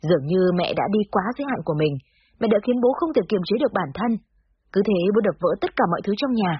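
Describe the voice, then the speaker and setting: A woman narrating a first-person story in a sorrowful, measured way, in a slightly dull lo-fi recording. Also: mid-range voice, breathy edge.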